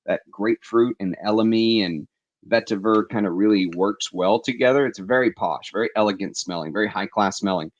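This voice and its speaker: Chatty low-voiced man on a headset. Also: a little fast, muffled recording. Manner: chatty and enthusiastic, reads viewer comments aloud. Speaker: fragrance livestream host. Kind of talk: casual livestream chat.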